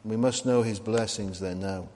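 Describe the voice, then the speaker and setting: A man preaching a sermon in a conversational way, asking the listeners questions and pausing with ums and restarts. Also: fairly low pitch, fairly even intonation, dark tone, slight background noise. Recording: long hall reverb.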